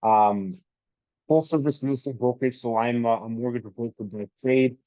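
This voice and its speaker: A man's voice: mid-range voice, normal speed, warm tone, no echo. A man from Canada, a mortgage broker, introducing himself on a group video call, talking conversationally and often restarting words, his sound muffled through headphones. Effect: muffled conference-call audio through headphones. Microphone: headphone mic on a video call.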